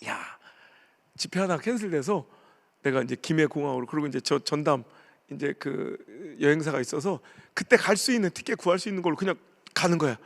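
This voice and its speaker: A male pastor preaches a revival sermon as a story. His voice sits high for a man and has a gravelly edge, and he swings into acted voices for his family. He sounds like a man in his forties. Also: a little fast. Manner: animated storytelling, acting out family members' voices.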